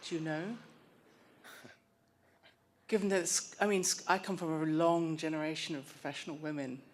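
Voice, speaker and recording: Chatty woman from Scotland, lowish voice. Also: steady tone, moderate pace, slight background noise. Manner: chatty, hesitant. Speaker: audience member. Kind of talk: question from the audience.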